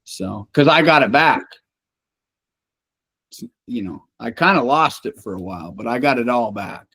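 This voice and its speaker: A man's voice: medium pitch, animated, measured pace, pushed and bright, husky, no echo. Earnest man in his late thirties. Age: late 30s. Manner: earnest, explains at length. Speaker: guest hunter. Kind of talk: casual podcast chat.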